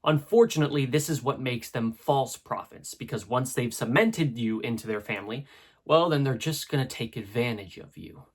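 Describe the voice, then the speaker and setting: A man with a husky voice narrating a scripted video essay in a conversational, analytical way, with casual asides. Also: mid-range voice, animated, normal speed.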